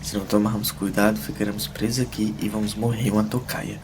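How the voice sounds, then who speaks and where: Man playing young male mage, sarcastic know-it-all, wry, fantasy audio drama, lowish flat delivery, noisy recording. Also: quick pace, lightly acted. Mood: explaining.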